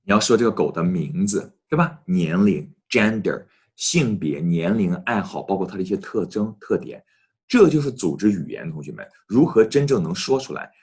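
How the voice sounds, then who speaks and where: A man teaching an English lesson, often addressing his students and slowly repeating English phrases for them to copy. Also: sits low, lively intonation, darkish tone, husky.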